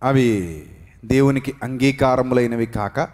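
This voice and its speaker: A male preacher delivering a sermon, swinging between raised, emphatic lines and hushed, quiet ones, and calling the congregation to repeat after him. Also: mid-range voice, level tone, measured pace. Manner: leads the congregation to repeat phrases aloud. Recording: long reverberant hall sound.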